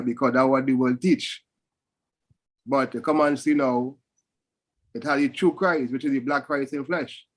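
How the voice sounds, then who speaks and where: A man's voice: mid-range voice, low-quality recording. A man with a Caribbean accent reasoning in Rasta speech, ending phrases with "you know" and "still" in a casual panel discussion. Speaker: panel speaker.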